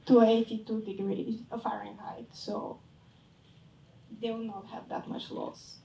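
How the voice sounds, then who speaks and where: A young woman from Bulgaria pitching her startup and answering judges' questions, hesitant and searching for words. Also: flat delivery, unhurried, gravelly, dark tone. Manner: hesitant, searching for words, fades at phrase ends. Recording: echoey hall from far off.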